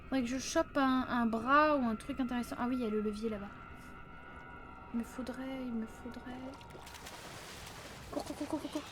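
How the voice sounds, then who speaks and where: A woman chats to viewers during casual let's play commentary at a close desk microphone, saying "hein" often and letting out flustered yelps when stressed. Her voice is a little high and at normal speed, with frequent pauses over a noisy background.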